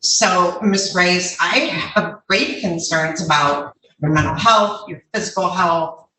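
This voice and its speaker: A judge passing sentence in a courtroom, speaking in a firm, measured, formal manner. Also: mid-range voice, pushed and bright, slight background noise. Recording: roomy courtroom audio from far off.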